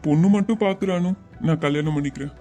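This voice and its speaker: A man voicing a cheerful, joking young newlywed in an animated web series. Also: on the high side, fast talker, faint music behind, natural voice. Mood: happy. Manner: joking, lighthearted.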